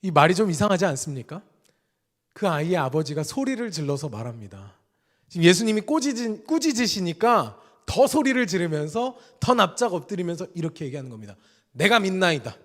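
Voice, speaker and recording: Earnest preacher in an echoing hall. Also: male voice, very animated, fairly quick. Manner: earnest, swings from loud emphatic lines to quiet low asides. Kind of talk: sermon. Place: church sanctuary.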